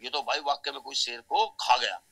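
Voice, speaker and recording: A man's voice: mid-range voice, normal speed, gravelly, a bit bright, poor audio. A man voicing a proud, easily scared male lion in a spoken folk tale, muttering to himself. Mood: wary.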